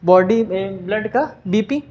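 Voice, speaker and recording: A man's voice: high voice, a little slow, a little mellow, poor audio. A man teaching a science class, with a Hindi accent, who asks and answers his own questions and mixes in English terms. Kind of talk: class lesson.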